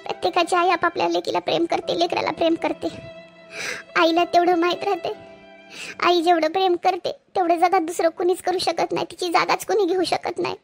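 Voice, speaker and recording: A woman's voice: very high-pitched, little pitch movement, fairly quick, gravelly, soft background music. A woman voicing a kindly young sister-in-law who consoles and speaks earnestly, in a cartoon. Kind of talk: cartoon voice acting.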